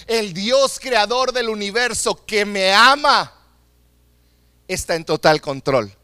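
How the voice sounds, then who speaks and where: A man's voice: sits high, pushed and bright, no echo. A man preaching a sermon as a pastor, earnest and emphatic, repeating phrases for stress.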